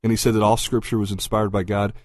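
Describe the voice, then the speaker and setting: A man in his forties with a mild Southern accent, co-hosting a podcast in a relaxed, chatty way, thinking out loud with frequent ums and easy laughs. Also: fairly low pitch, quick pace. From Pennsylvania. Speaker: podcast co-host. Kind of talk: casual chat.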